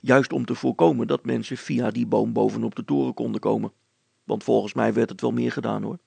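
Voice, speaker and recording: A man's voice: mid-range voice, steady tone, fairly quick, creaky, warm tone, breathy edge, no room sound. A man reading aloud as a plain-spoken man who recalls his boyhood in a rambling, hesitant way. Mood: reminiscing. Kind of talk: audiobook dialogue reading.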